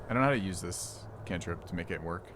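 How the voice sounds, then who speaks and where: A man's voice: low-pitched, lively intonation, fast, noisy background. A man streaming a strategy game, thinking aloud in casual commentary, puzzled and now and then swearing at the game's rules.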